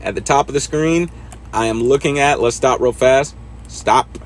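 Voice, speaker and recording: Easygoing guy talking through backing a rig in a sim game, mid pitch, chill. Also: moderate pace. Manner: laid-back, talks to himself while driving. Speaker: truck driver teaching backing. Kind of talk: casual instructional commentary over gameplay.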